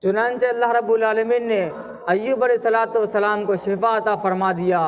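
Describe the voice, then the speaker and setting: Male preacher, high tenor, fiery sermon delivery with forceful surges. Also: little pitch movement. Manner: fiery, impassioned preaching with rising loud passages.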